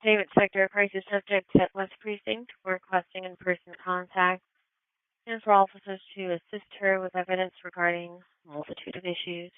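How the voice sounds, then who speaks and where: Female police dispatcher on radio; lowish, very clear voice, terse and procedural, tinny narrow-band scanner sound. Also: flat delivery, normal speed, no room sound. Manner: terse, procedural, reads out codes and addresses. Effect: police radio transmission. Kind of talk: clipped dispatch radio calls.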